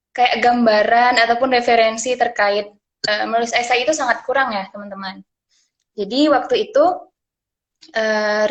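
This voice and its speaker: A young woman from Aceh speaking as a scholarship awardee on a live stream, pausing often with fillers and restarts. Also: a little high. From Aceh, Indonesia. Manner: hesitant, many fillers and restarts. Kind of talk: live-stream sharing session.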